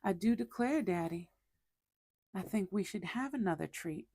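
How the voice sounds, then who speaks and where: A woman voicing a sweet little girl kitten as a coy Southern belle, speaking in a put-on American Southern accent with a soft, hushed voice. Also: medium pitch, lively intonation, moderate pace, no echo, clean studio sound. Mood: coy pleading.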